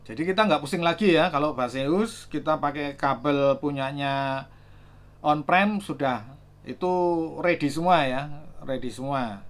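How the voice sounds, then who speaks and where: Speaking at a measured pace in a fairly high voice, this gadget reviewer shows off chargers in a casual product demo. He reads numbers aloud while thinking through things, filling gaps with plenty of fillers.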